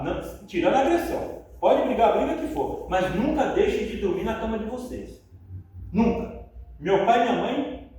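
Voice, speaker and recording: A man preaching a sermon about marriage, chatty and animated, often laughing as he talks. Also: sits high. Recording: echoey room, mic far off.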